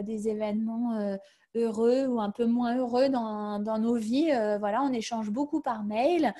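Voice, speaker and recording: A woman speaking on a video call in a webinar, answering questions casually. Her voice sits fairly high but sounds mellow and warm. She hesitates a lot and restarts her sentences. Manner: hesitant, many fillers and restarts. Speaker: webinar guest sharing her career change.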